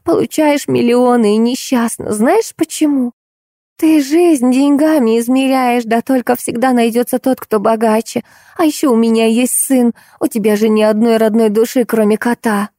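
A woman putting on a shrill, defensive young mother. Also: steady tone, normal speed, mellow, no room sound, clean studio sound, lightly acted.

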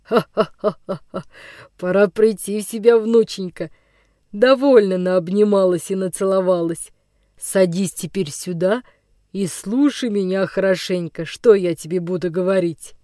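A woman voicing a coarse older male forest vagabond villain in an audiobook, with a rough, menacing, gloating voice. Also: medium pitch, normal speed, warm tone, dry recording, clean studio sound, close to an everyday voice. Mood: mocking. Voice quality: rough, hoarse-edged voice. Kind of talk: audiobook character reading.

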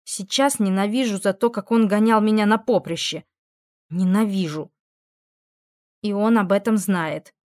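A woman's voice: medium pitch, unhurried, long pauses, a little mellow, close to an everyday voice. A woman voicing a defiant young slave girl who answers in curt, clipped retorts. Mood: heated.

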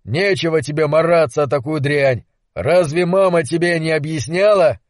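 A man voicing a big, scornful young bully who talks slowly and with threat, in an audiobook. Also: on the high side, no echo, studio quality, lightly acted. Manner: loud, slow and menacing.

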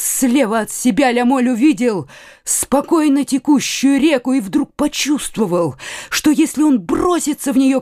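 A woman narrating an audiobook with measured, dramatic pacing. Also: fairly high pitch, a little mellow, dry recording, clean studio sound.

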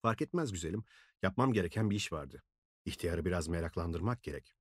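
A coarse, mocking drunken woman, read by a man in a low, husky voice from a novel audiobook. The sound is dry and close to the mic. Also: lively intonation, a little fast, no room sound. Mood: coaxing.

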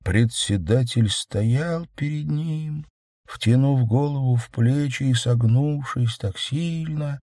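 A man narrating an audiobook in a measured, even storytelling manner. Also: mid-range voice, dry recording, clean studio sound.

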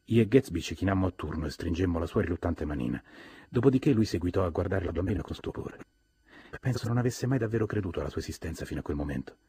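A man reading a novel aloud in measured, even narration for an audiobook. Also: low voice, slightly rough, no echo. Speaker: audiobook reader. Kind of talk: scripted narration.

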